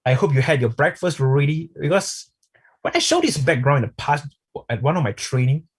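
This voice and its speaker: Husky-voiced man giving online product training. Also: a little high, sing-song, fairly quick. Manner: chatty, addresses viewers as "my friend".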